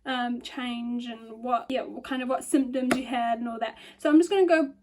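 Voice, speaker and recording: A young woman in her twenties talks in a bright, high voice, chatting casually on camera. Her delivery is rambly, full of ums and likes, and she sounds slightly out of breath. She records on her phone in a bedroom lit by a lamp. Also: steady tone, normal speed, background noise. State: a bit out of breath. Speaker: vlogger.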